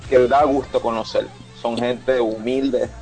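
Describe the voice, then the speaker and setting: A man from Rico, a guest on a radio show, speaking haltingly with many restarts. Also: medium pitch, level tone, darkish tone, soft background music, poor audio. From Puerto Rico. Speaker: guest musician.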